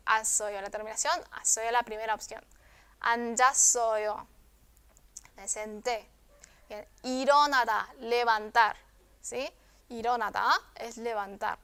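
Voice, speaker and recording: Woman, language teacher, patient and repetitive, fairly high voice, smooth and clear. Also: sharp tone. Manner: patient, checks in with frequent "¿sí?"; repeats and slowly spells out words. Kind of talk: recorded video lesson.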